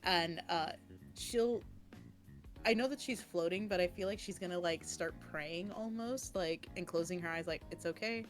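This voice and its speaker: A woman's voice: on the low side, moderate pace, faint music behind. A woman speaking as a player in a tabletop game, improvising role-play in a casual way.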